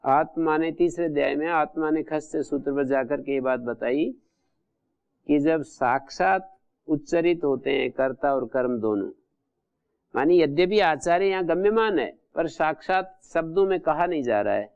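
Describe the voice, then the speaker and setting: A man delivers a classroom grammar lecture in a fairly high, gravelly voice that stays smooth and resonant. He works through each rule methodically, repeating terms and explaining them one by one. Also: moderate pace, darkish tone, dull audio. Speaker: Sanskrit grammar teacher.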